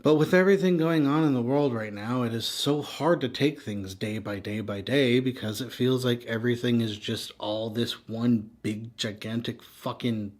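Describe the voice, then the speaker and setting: Worn out and frank, this American man rants without a script about what's bothering him, swearing, sighing, and trailing off as he vents on his vlog. His medium-pitched voice is somewhat dark in tone, moving at normal speed with few pauses.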